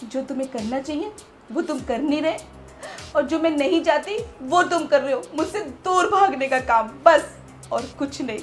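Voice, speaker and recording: An actress playing a lonely, manipulative young sister-in-law in a short film drama, coaxing and pleading. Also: female voice, high-pitched, normal speed, soft background music, close to an everyday voice. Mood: bitter scheming. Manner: coaxing, pleading, then bitterly scheming.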